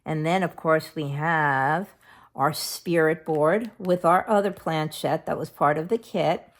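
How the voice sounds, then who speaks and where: Lady vlogger doing a craft tutorial, slow and unhurried, kinda low voice, chatty, second-guesses herself. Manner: chatty, thinks aloud, self-correcting. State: has hiccups. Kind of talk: casual craft tutorial narration.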